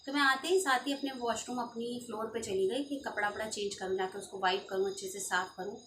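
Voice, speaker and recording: A woman's voice: medium pitch, steady tone, fast talker, echoey room. Emotional woman telling her own story, distant mic. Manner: emotional, pleading and indignant retelling. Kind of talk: personal storytelling monologue. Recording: distant mic with clear background noise.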